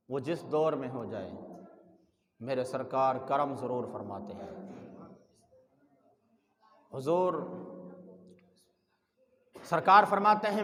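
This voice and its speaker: A man preaching a sermon with passion, his voice climbing into shouts and chanted lines. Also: high-pitched. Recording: long hall reverb.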